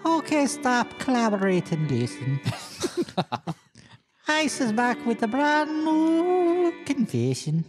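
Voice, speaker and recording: A man in casual podcast banter, hamming up a put-on Irish brogue through a deep voice filter that makes him sound like he's inside a well. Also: wildly swooping pitch, slow, faint music behind. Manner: hammy put-on Irish brogue, laughing between lines. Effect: deep voice filter, echoey like speaking inside a well. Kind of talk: casual podcast banter, reading curses aloud.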